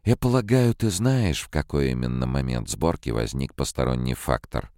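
A man voicing a sharp, mocking woman robot psychologist in an audiobook, his deep voice pushed higher. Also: animated, normal speed, no room sound, clean studio sound. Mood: scornful. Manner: mocking, cutting.

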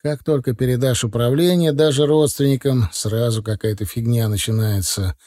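A man reading a first-person audiobook in a steady, conversational way. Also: medium pitch, normal speed, no echo, studio quality. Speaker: narrator.

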